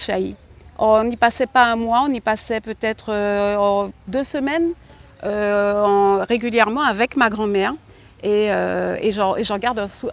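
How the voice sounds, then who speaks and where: A middle-aged woman journalist from Guiana, reminiscing in an interview and pausing on many fillers. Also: on the high side. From French Guiana.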